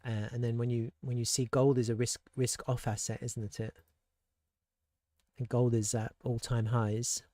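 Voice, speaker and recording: A man's voice: medium pitch, little pitch movement, measured pace, mellow, no echo, clean studio sound. A man giving casual, thinking-aloud commentary on crypto charts and world events, with rhetorical asides and frequent restarts. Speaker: crypto market analyst.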